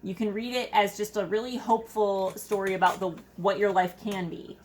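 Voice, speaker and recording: A woman's voice: medium pitch, little pitch movement, normal speed, darkish tone. A woman co-hosting a casual book discussion in an effusive way, peppering her talk with "like". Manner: effusive, heavy use of "like". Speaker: book review co-host. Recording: clear background noise.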